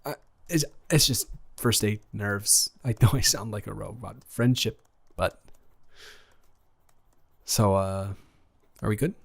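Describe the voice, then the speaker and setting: A man's voice: fairly low pitch, takes it slowly, vocal fry, pauses often, exaggerated voice. A man playing a stammering nervous new boy. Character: anxious shy new boy at school, outcast. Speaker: audio roleplay performer. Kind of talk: romantic audio role-play.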